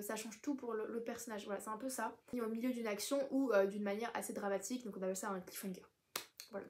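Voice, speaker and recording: A woman's voice: a little high, darkish tone. A young woman from France explaining reading terms in a chatty, self-deprecating vlog, with many fillers. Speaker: book vlogger.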